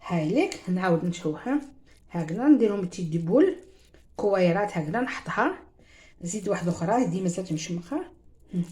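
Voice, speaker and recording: A woman's voice: on the low side, animated, fast, long pauses, mellow. A woman with an Algerian Arabic accent gives a chatty home cooking demonstration, talking straight to her viewers and mixing in French words. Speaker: cooking show host.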